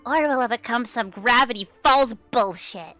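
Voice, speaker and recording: A woman's voice: on the high side, moderate pace, fairly bright tone, no echo, soft background music, pitched above the performer's own voice, lightly acted. A woman voicing a brash, sassy female character who narrates a dramatic comic recap, her voice raised about an octave above her own.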